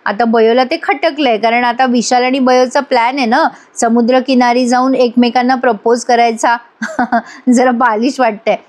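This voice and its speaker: High-voiced woman recapping a serial. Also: fairly even intonation, normal speed, darkish tone. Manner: chatty, addresses viewers. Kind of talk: casual retelling.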